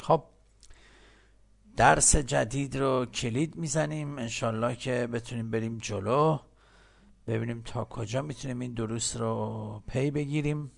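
A man with a Persian accent teaching English in a recorded lesson, slowly repeating words for learners. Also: mid-range voice. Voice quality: gravelly.

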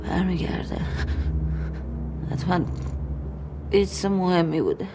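An actress playing a distraught young woman on morphine, who fires back sharp, defiant retorts. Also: lowish voice, very animated, over loud music.

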